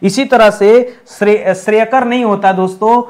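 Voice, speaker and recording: A man's voice: high voice, fairly even intonation, darkish tone. A man teaching a Hindi spelling lesson, calling the viewers friends and asking the class what each correct word is. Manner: repeats questions to the class, addresses viewers as friends; drills each word slowly, syllable by syllable.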